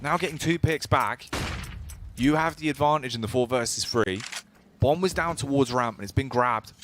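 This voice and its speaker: A man's voice: medium pitch, normal speed, fairly bright tone, a little hiss or hum. A man working as an esports caster, giving live play-by-play commentary that builds dramatically at key plays.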